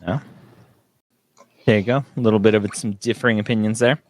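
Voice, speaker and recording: A man's voice: fairly low pitch, steady tone, brisk. A man hosting a podcast, chatting casually, laughing often and reading out listener questions. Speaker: podcast host. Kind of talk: casual chat.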